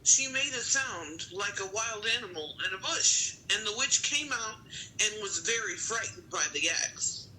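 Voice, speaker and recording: Bright-voiced woman, slow and excitable. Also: medium pitch, slight background noise, low-quality recording. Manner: easily excited, exclaims with delight. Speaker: player in a storytelling card game. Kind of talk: casual storytelling game play.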